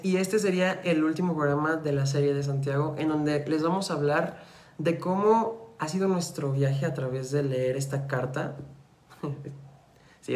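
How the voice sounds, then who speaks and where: A podcast co-host, welcoming listeners and recapping episodes in a friendly, conversational way. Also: medium pitch. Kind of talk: casual faith podcast hosting. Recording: roomy echo.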